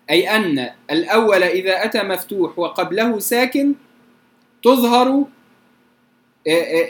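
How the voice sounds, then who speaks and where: Guy teaching recitation, pretty high voice, echoey room. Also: a bit bright. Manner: explains patiently, checks understanding. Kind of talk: recorded lecture.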